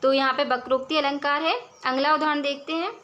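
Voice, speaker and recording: A woman teacher explaining verse examples in a lesson, reading lines slowly and then explaining them patiently. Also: sits high, steady tone, pushed and bright, dull audio, a little hiss or hum.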